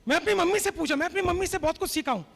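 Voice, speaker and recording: High, gravelly male keynote speaker in a large hall; storytelling, audience-prompting delivery. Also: rapid-fire, fairly bright tone. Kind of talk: motivational speech. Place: convention hall. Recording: hall reverb.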